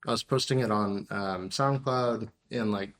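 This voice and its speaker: A man's voice: on the low side, unhurried, a bit bright. A man in his thirties, a podcast guest and musician, talking casually and rambling with many fillers. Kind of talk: casual interview chat.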